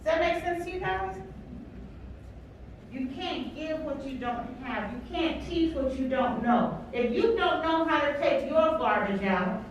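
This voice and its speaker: High-voiced woman counselor, echoey hall. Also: expressive, a little slow, distant mic, slight background noise. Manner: emphatic, asks the room questions and repeats key words. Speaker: counselor leading a teacher training. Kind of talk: workshop talk to a live audience. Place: large echoey room with an audience.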